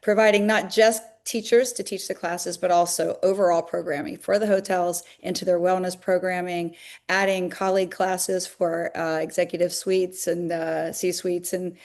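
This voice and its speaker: A woman's voice: lowish voice, little pitch movement, moderate pace, darkish tone. A woman, a longtime fitness business owner, explaining her company at length in an interview, with many fillers. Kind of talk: interview answers.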